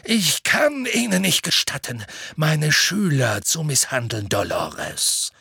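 A man voicing a wise old male headmaster with a mild, gently ironic manner in an audiobook reading. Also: high-pitched, slow, no echo, clean studio sound, pitched above the performer's own voice. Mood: stern.

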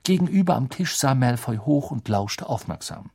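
A man reading a storybook aloud in a lively, expressive narrator style. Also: mid-range voice, normal speed, creaky, breathy edge. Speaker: audiobook narrator.

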